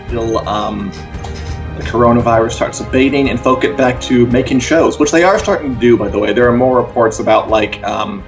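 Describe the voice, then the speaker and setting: A man co-hosts a casual pop culture news live show over a video call, chatting in a wry, jokey way. His mid-range voice moves fairly quickly with music in the background, and the sound is dull and lo-fi.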